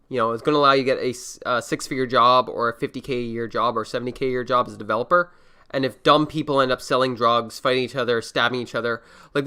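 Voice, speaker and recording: A man's voice: medium pitch, bright, forceful tone, smooth. A man hosting a casual reaction livestream, talking in a loose, slangy and scornful way with a lot of laughing. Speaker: livestream host. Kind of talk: casual reaction stream chat.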